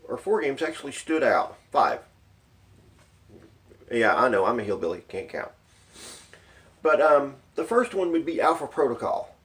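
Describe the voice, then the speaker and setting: Distant-miked man giving informal gaming commentary. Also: a little high. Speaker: video game news commentator. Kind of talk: unscripted vlog commentary. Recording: distant microphone.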